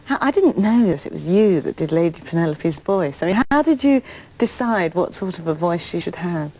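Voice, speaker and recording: A woman co-hosts a live morning TV show from a studio with a slightly low voice. She chats with quick asides and reads out what comes after the break. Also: expressive, mellow, low-quality recording. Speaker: breakfast TV presenter. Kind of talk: live TV presenting.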